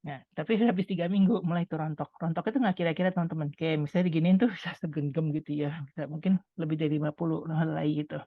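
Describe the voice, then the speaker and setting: Low-voiced woman over a tinny line. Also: fast talker, few pauses, no room sound. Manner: chatty and conversational, addresses listeners as friends. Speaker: speaker sharing a testimony. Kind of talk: personal testimony talk. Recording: tinny phone-like line, dry sound.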